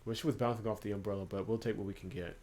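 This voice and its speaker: Hosting a gaming video, a man plays through a game, chatting casually and reading visual novel dialogue out loud. His voice is lowish and a little mellow, his intonation fairly even, and his pace rapid-fire.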